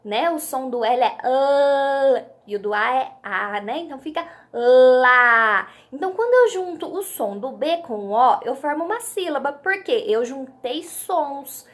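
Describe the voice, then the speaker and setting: A woman's voice: high voice, animated, normal speed. A Brazilian woman teaching a children's literacy lesson, stretching out syllables in a sing-song teacher voice and asking the children questions. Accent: Brazilian Portuguese. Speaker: primary school teacher.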